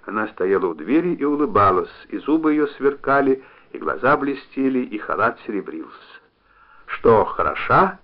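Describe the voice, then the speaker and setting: A man reads a novel aloud in a measured, expressive manner. His voice sits at an ordinary middle pitch. The recording sounds dull and muffled, like an old broadcast. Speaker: narrator. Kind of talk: literary audiobook reading.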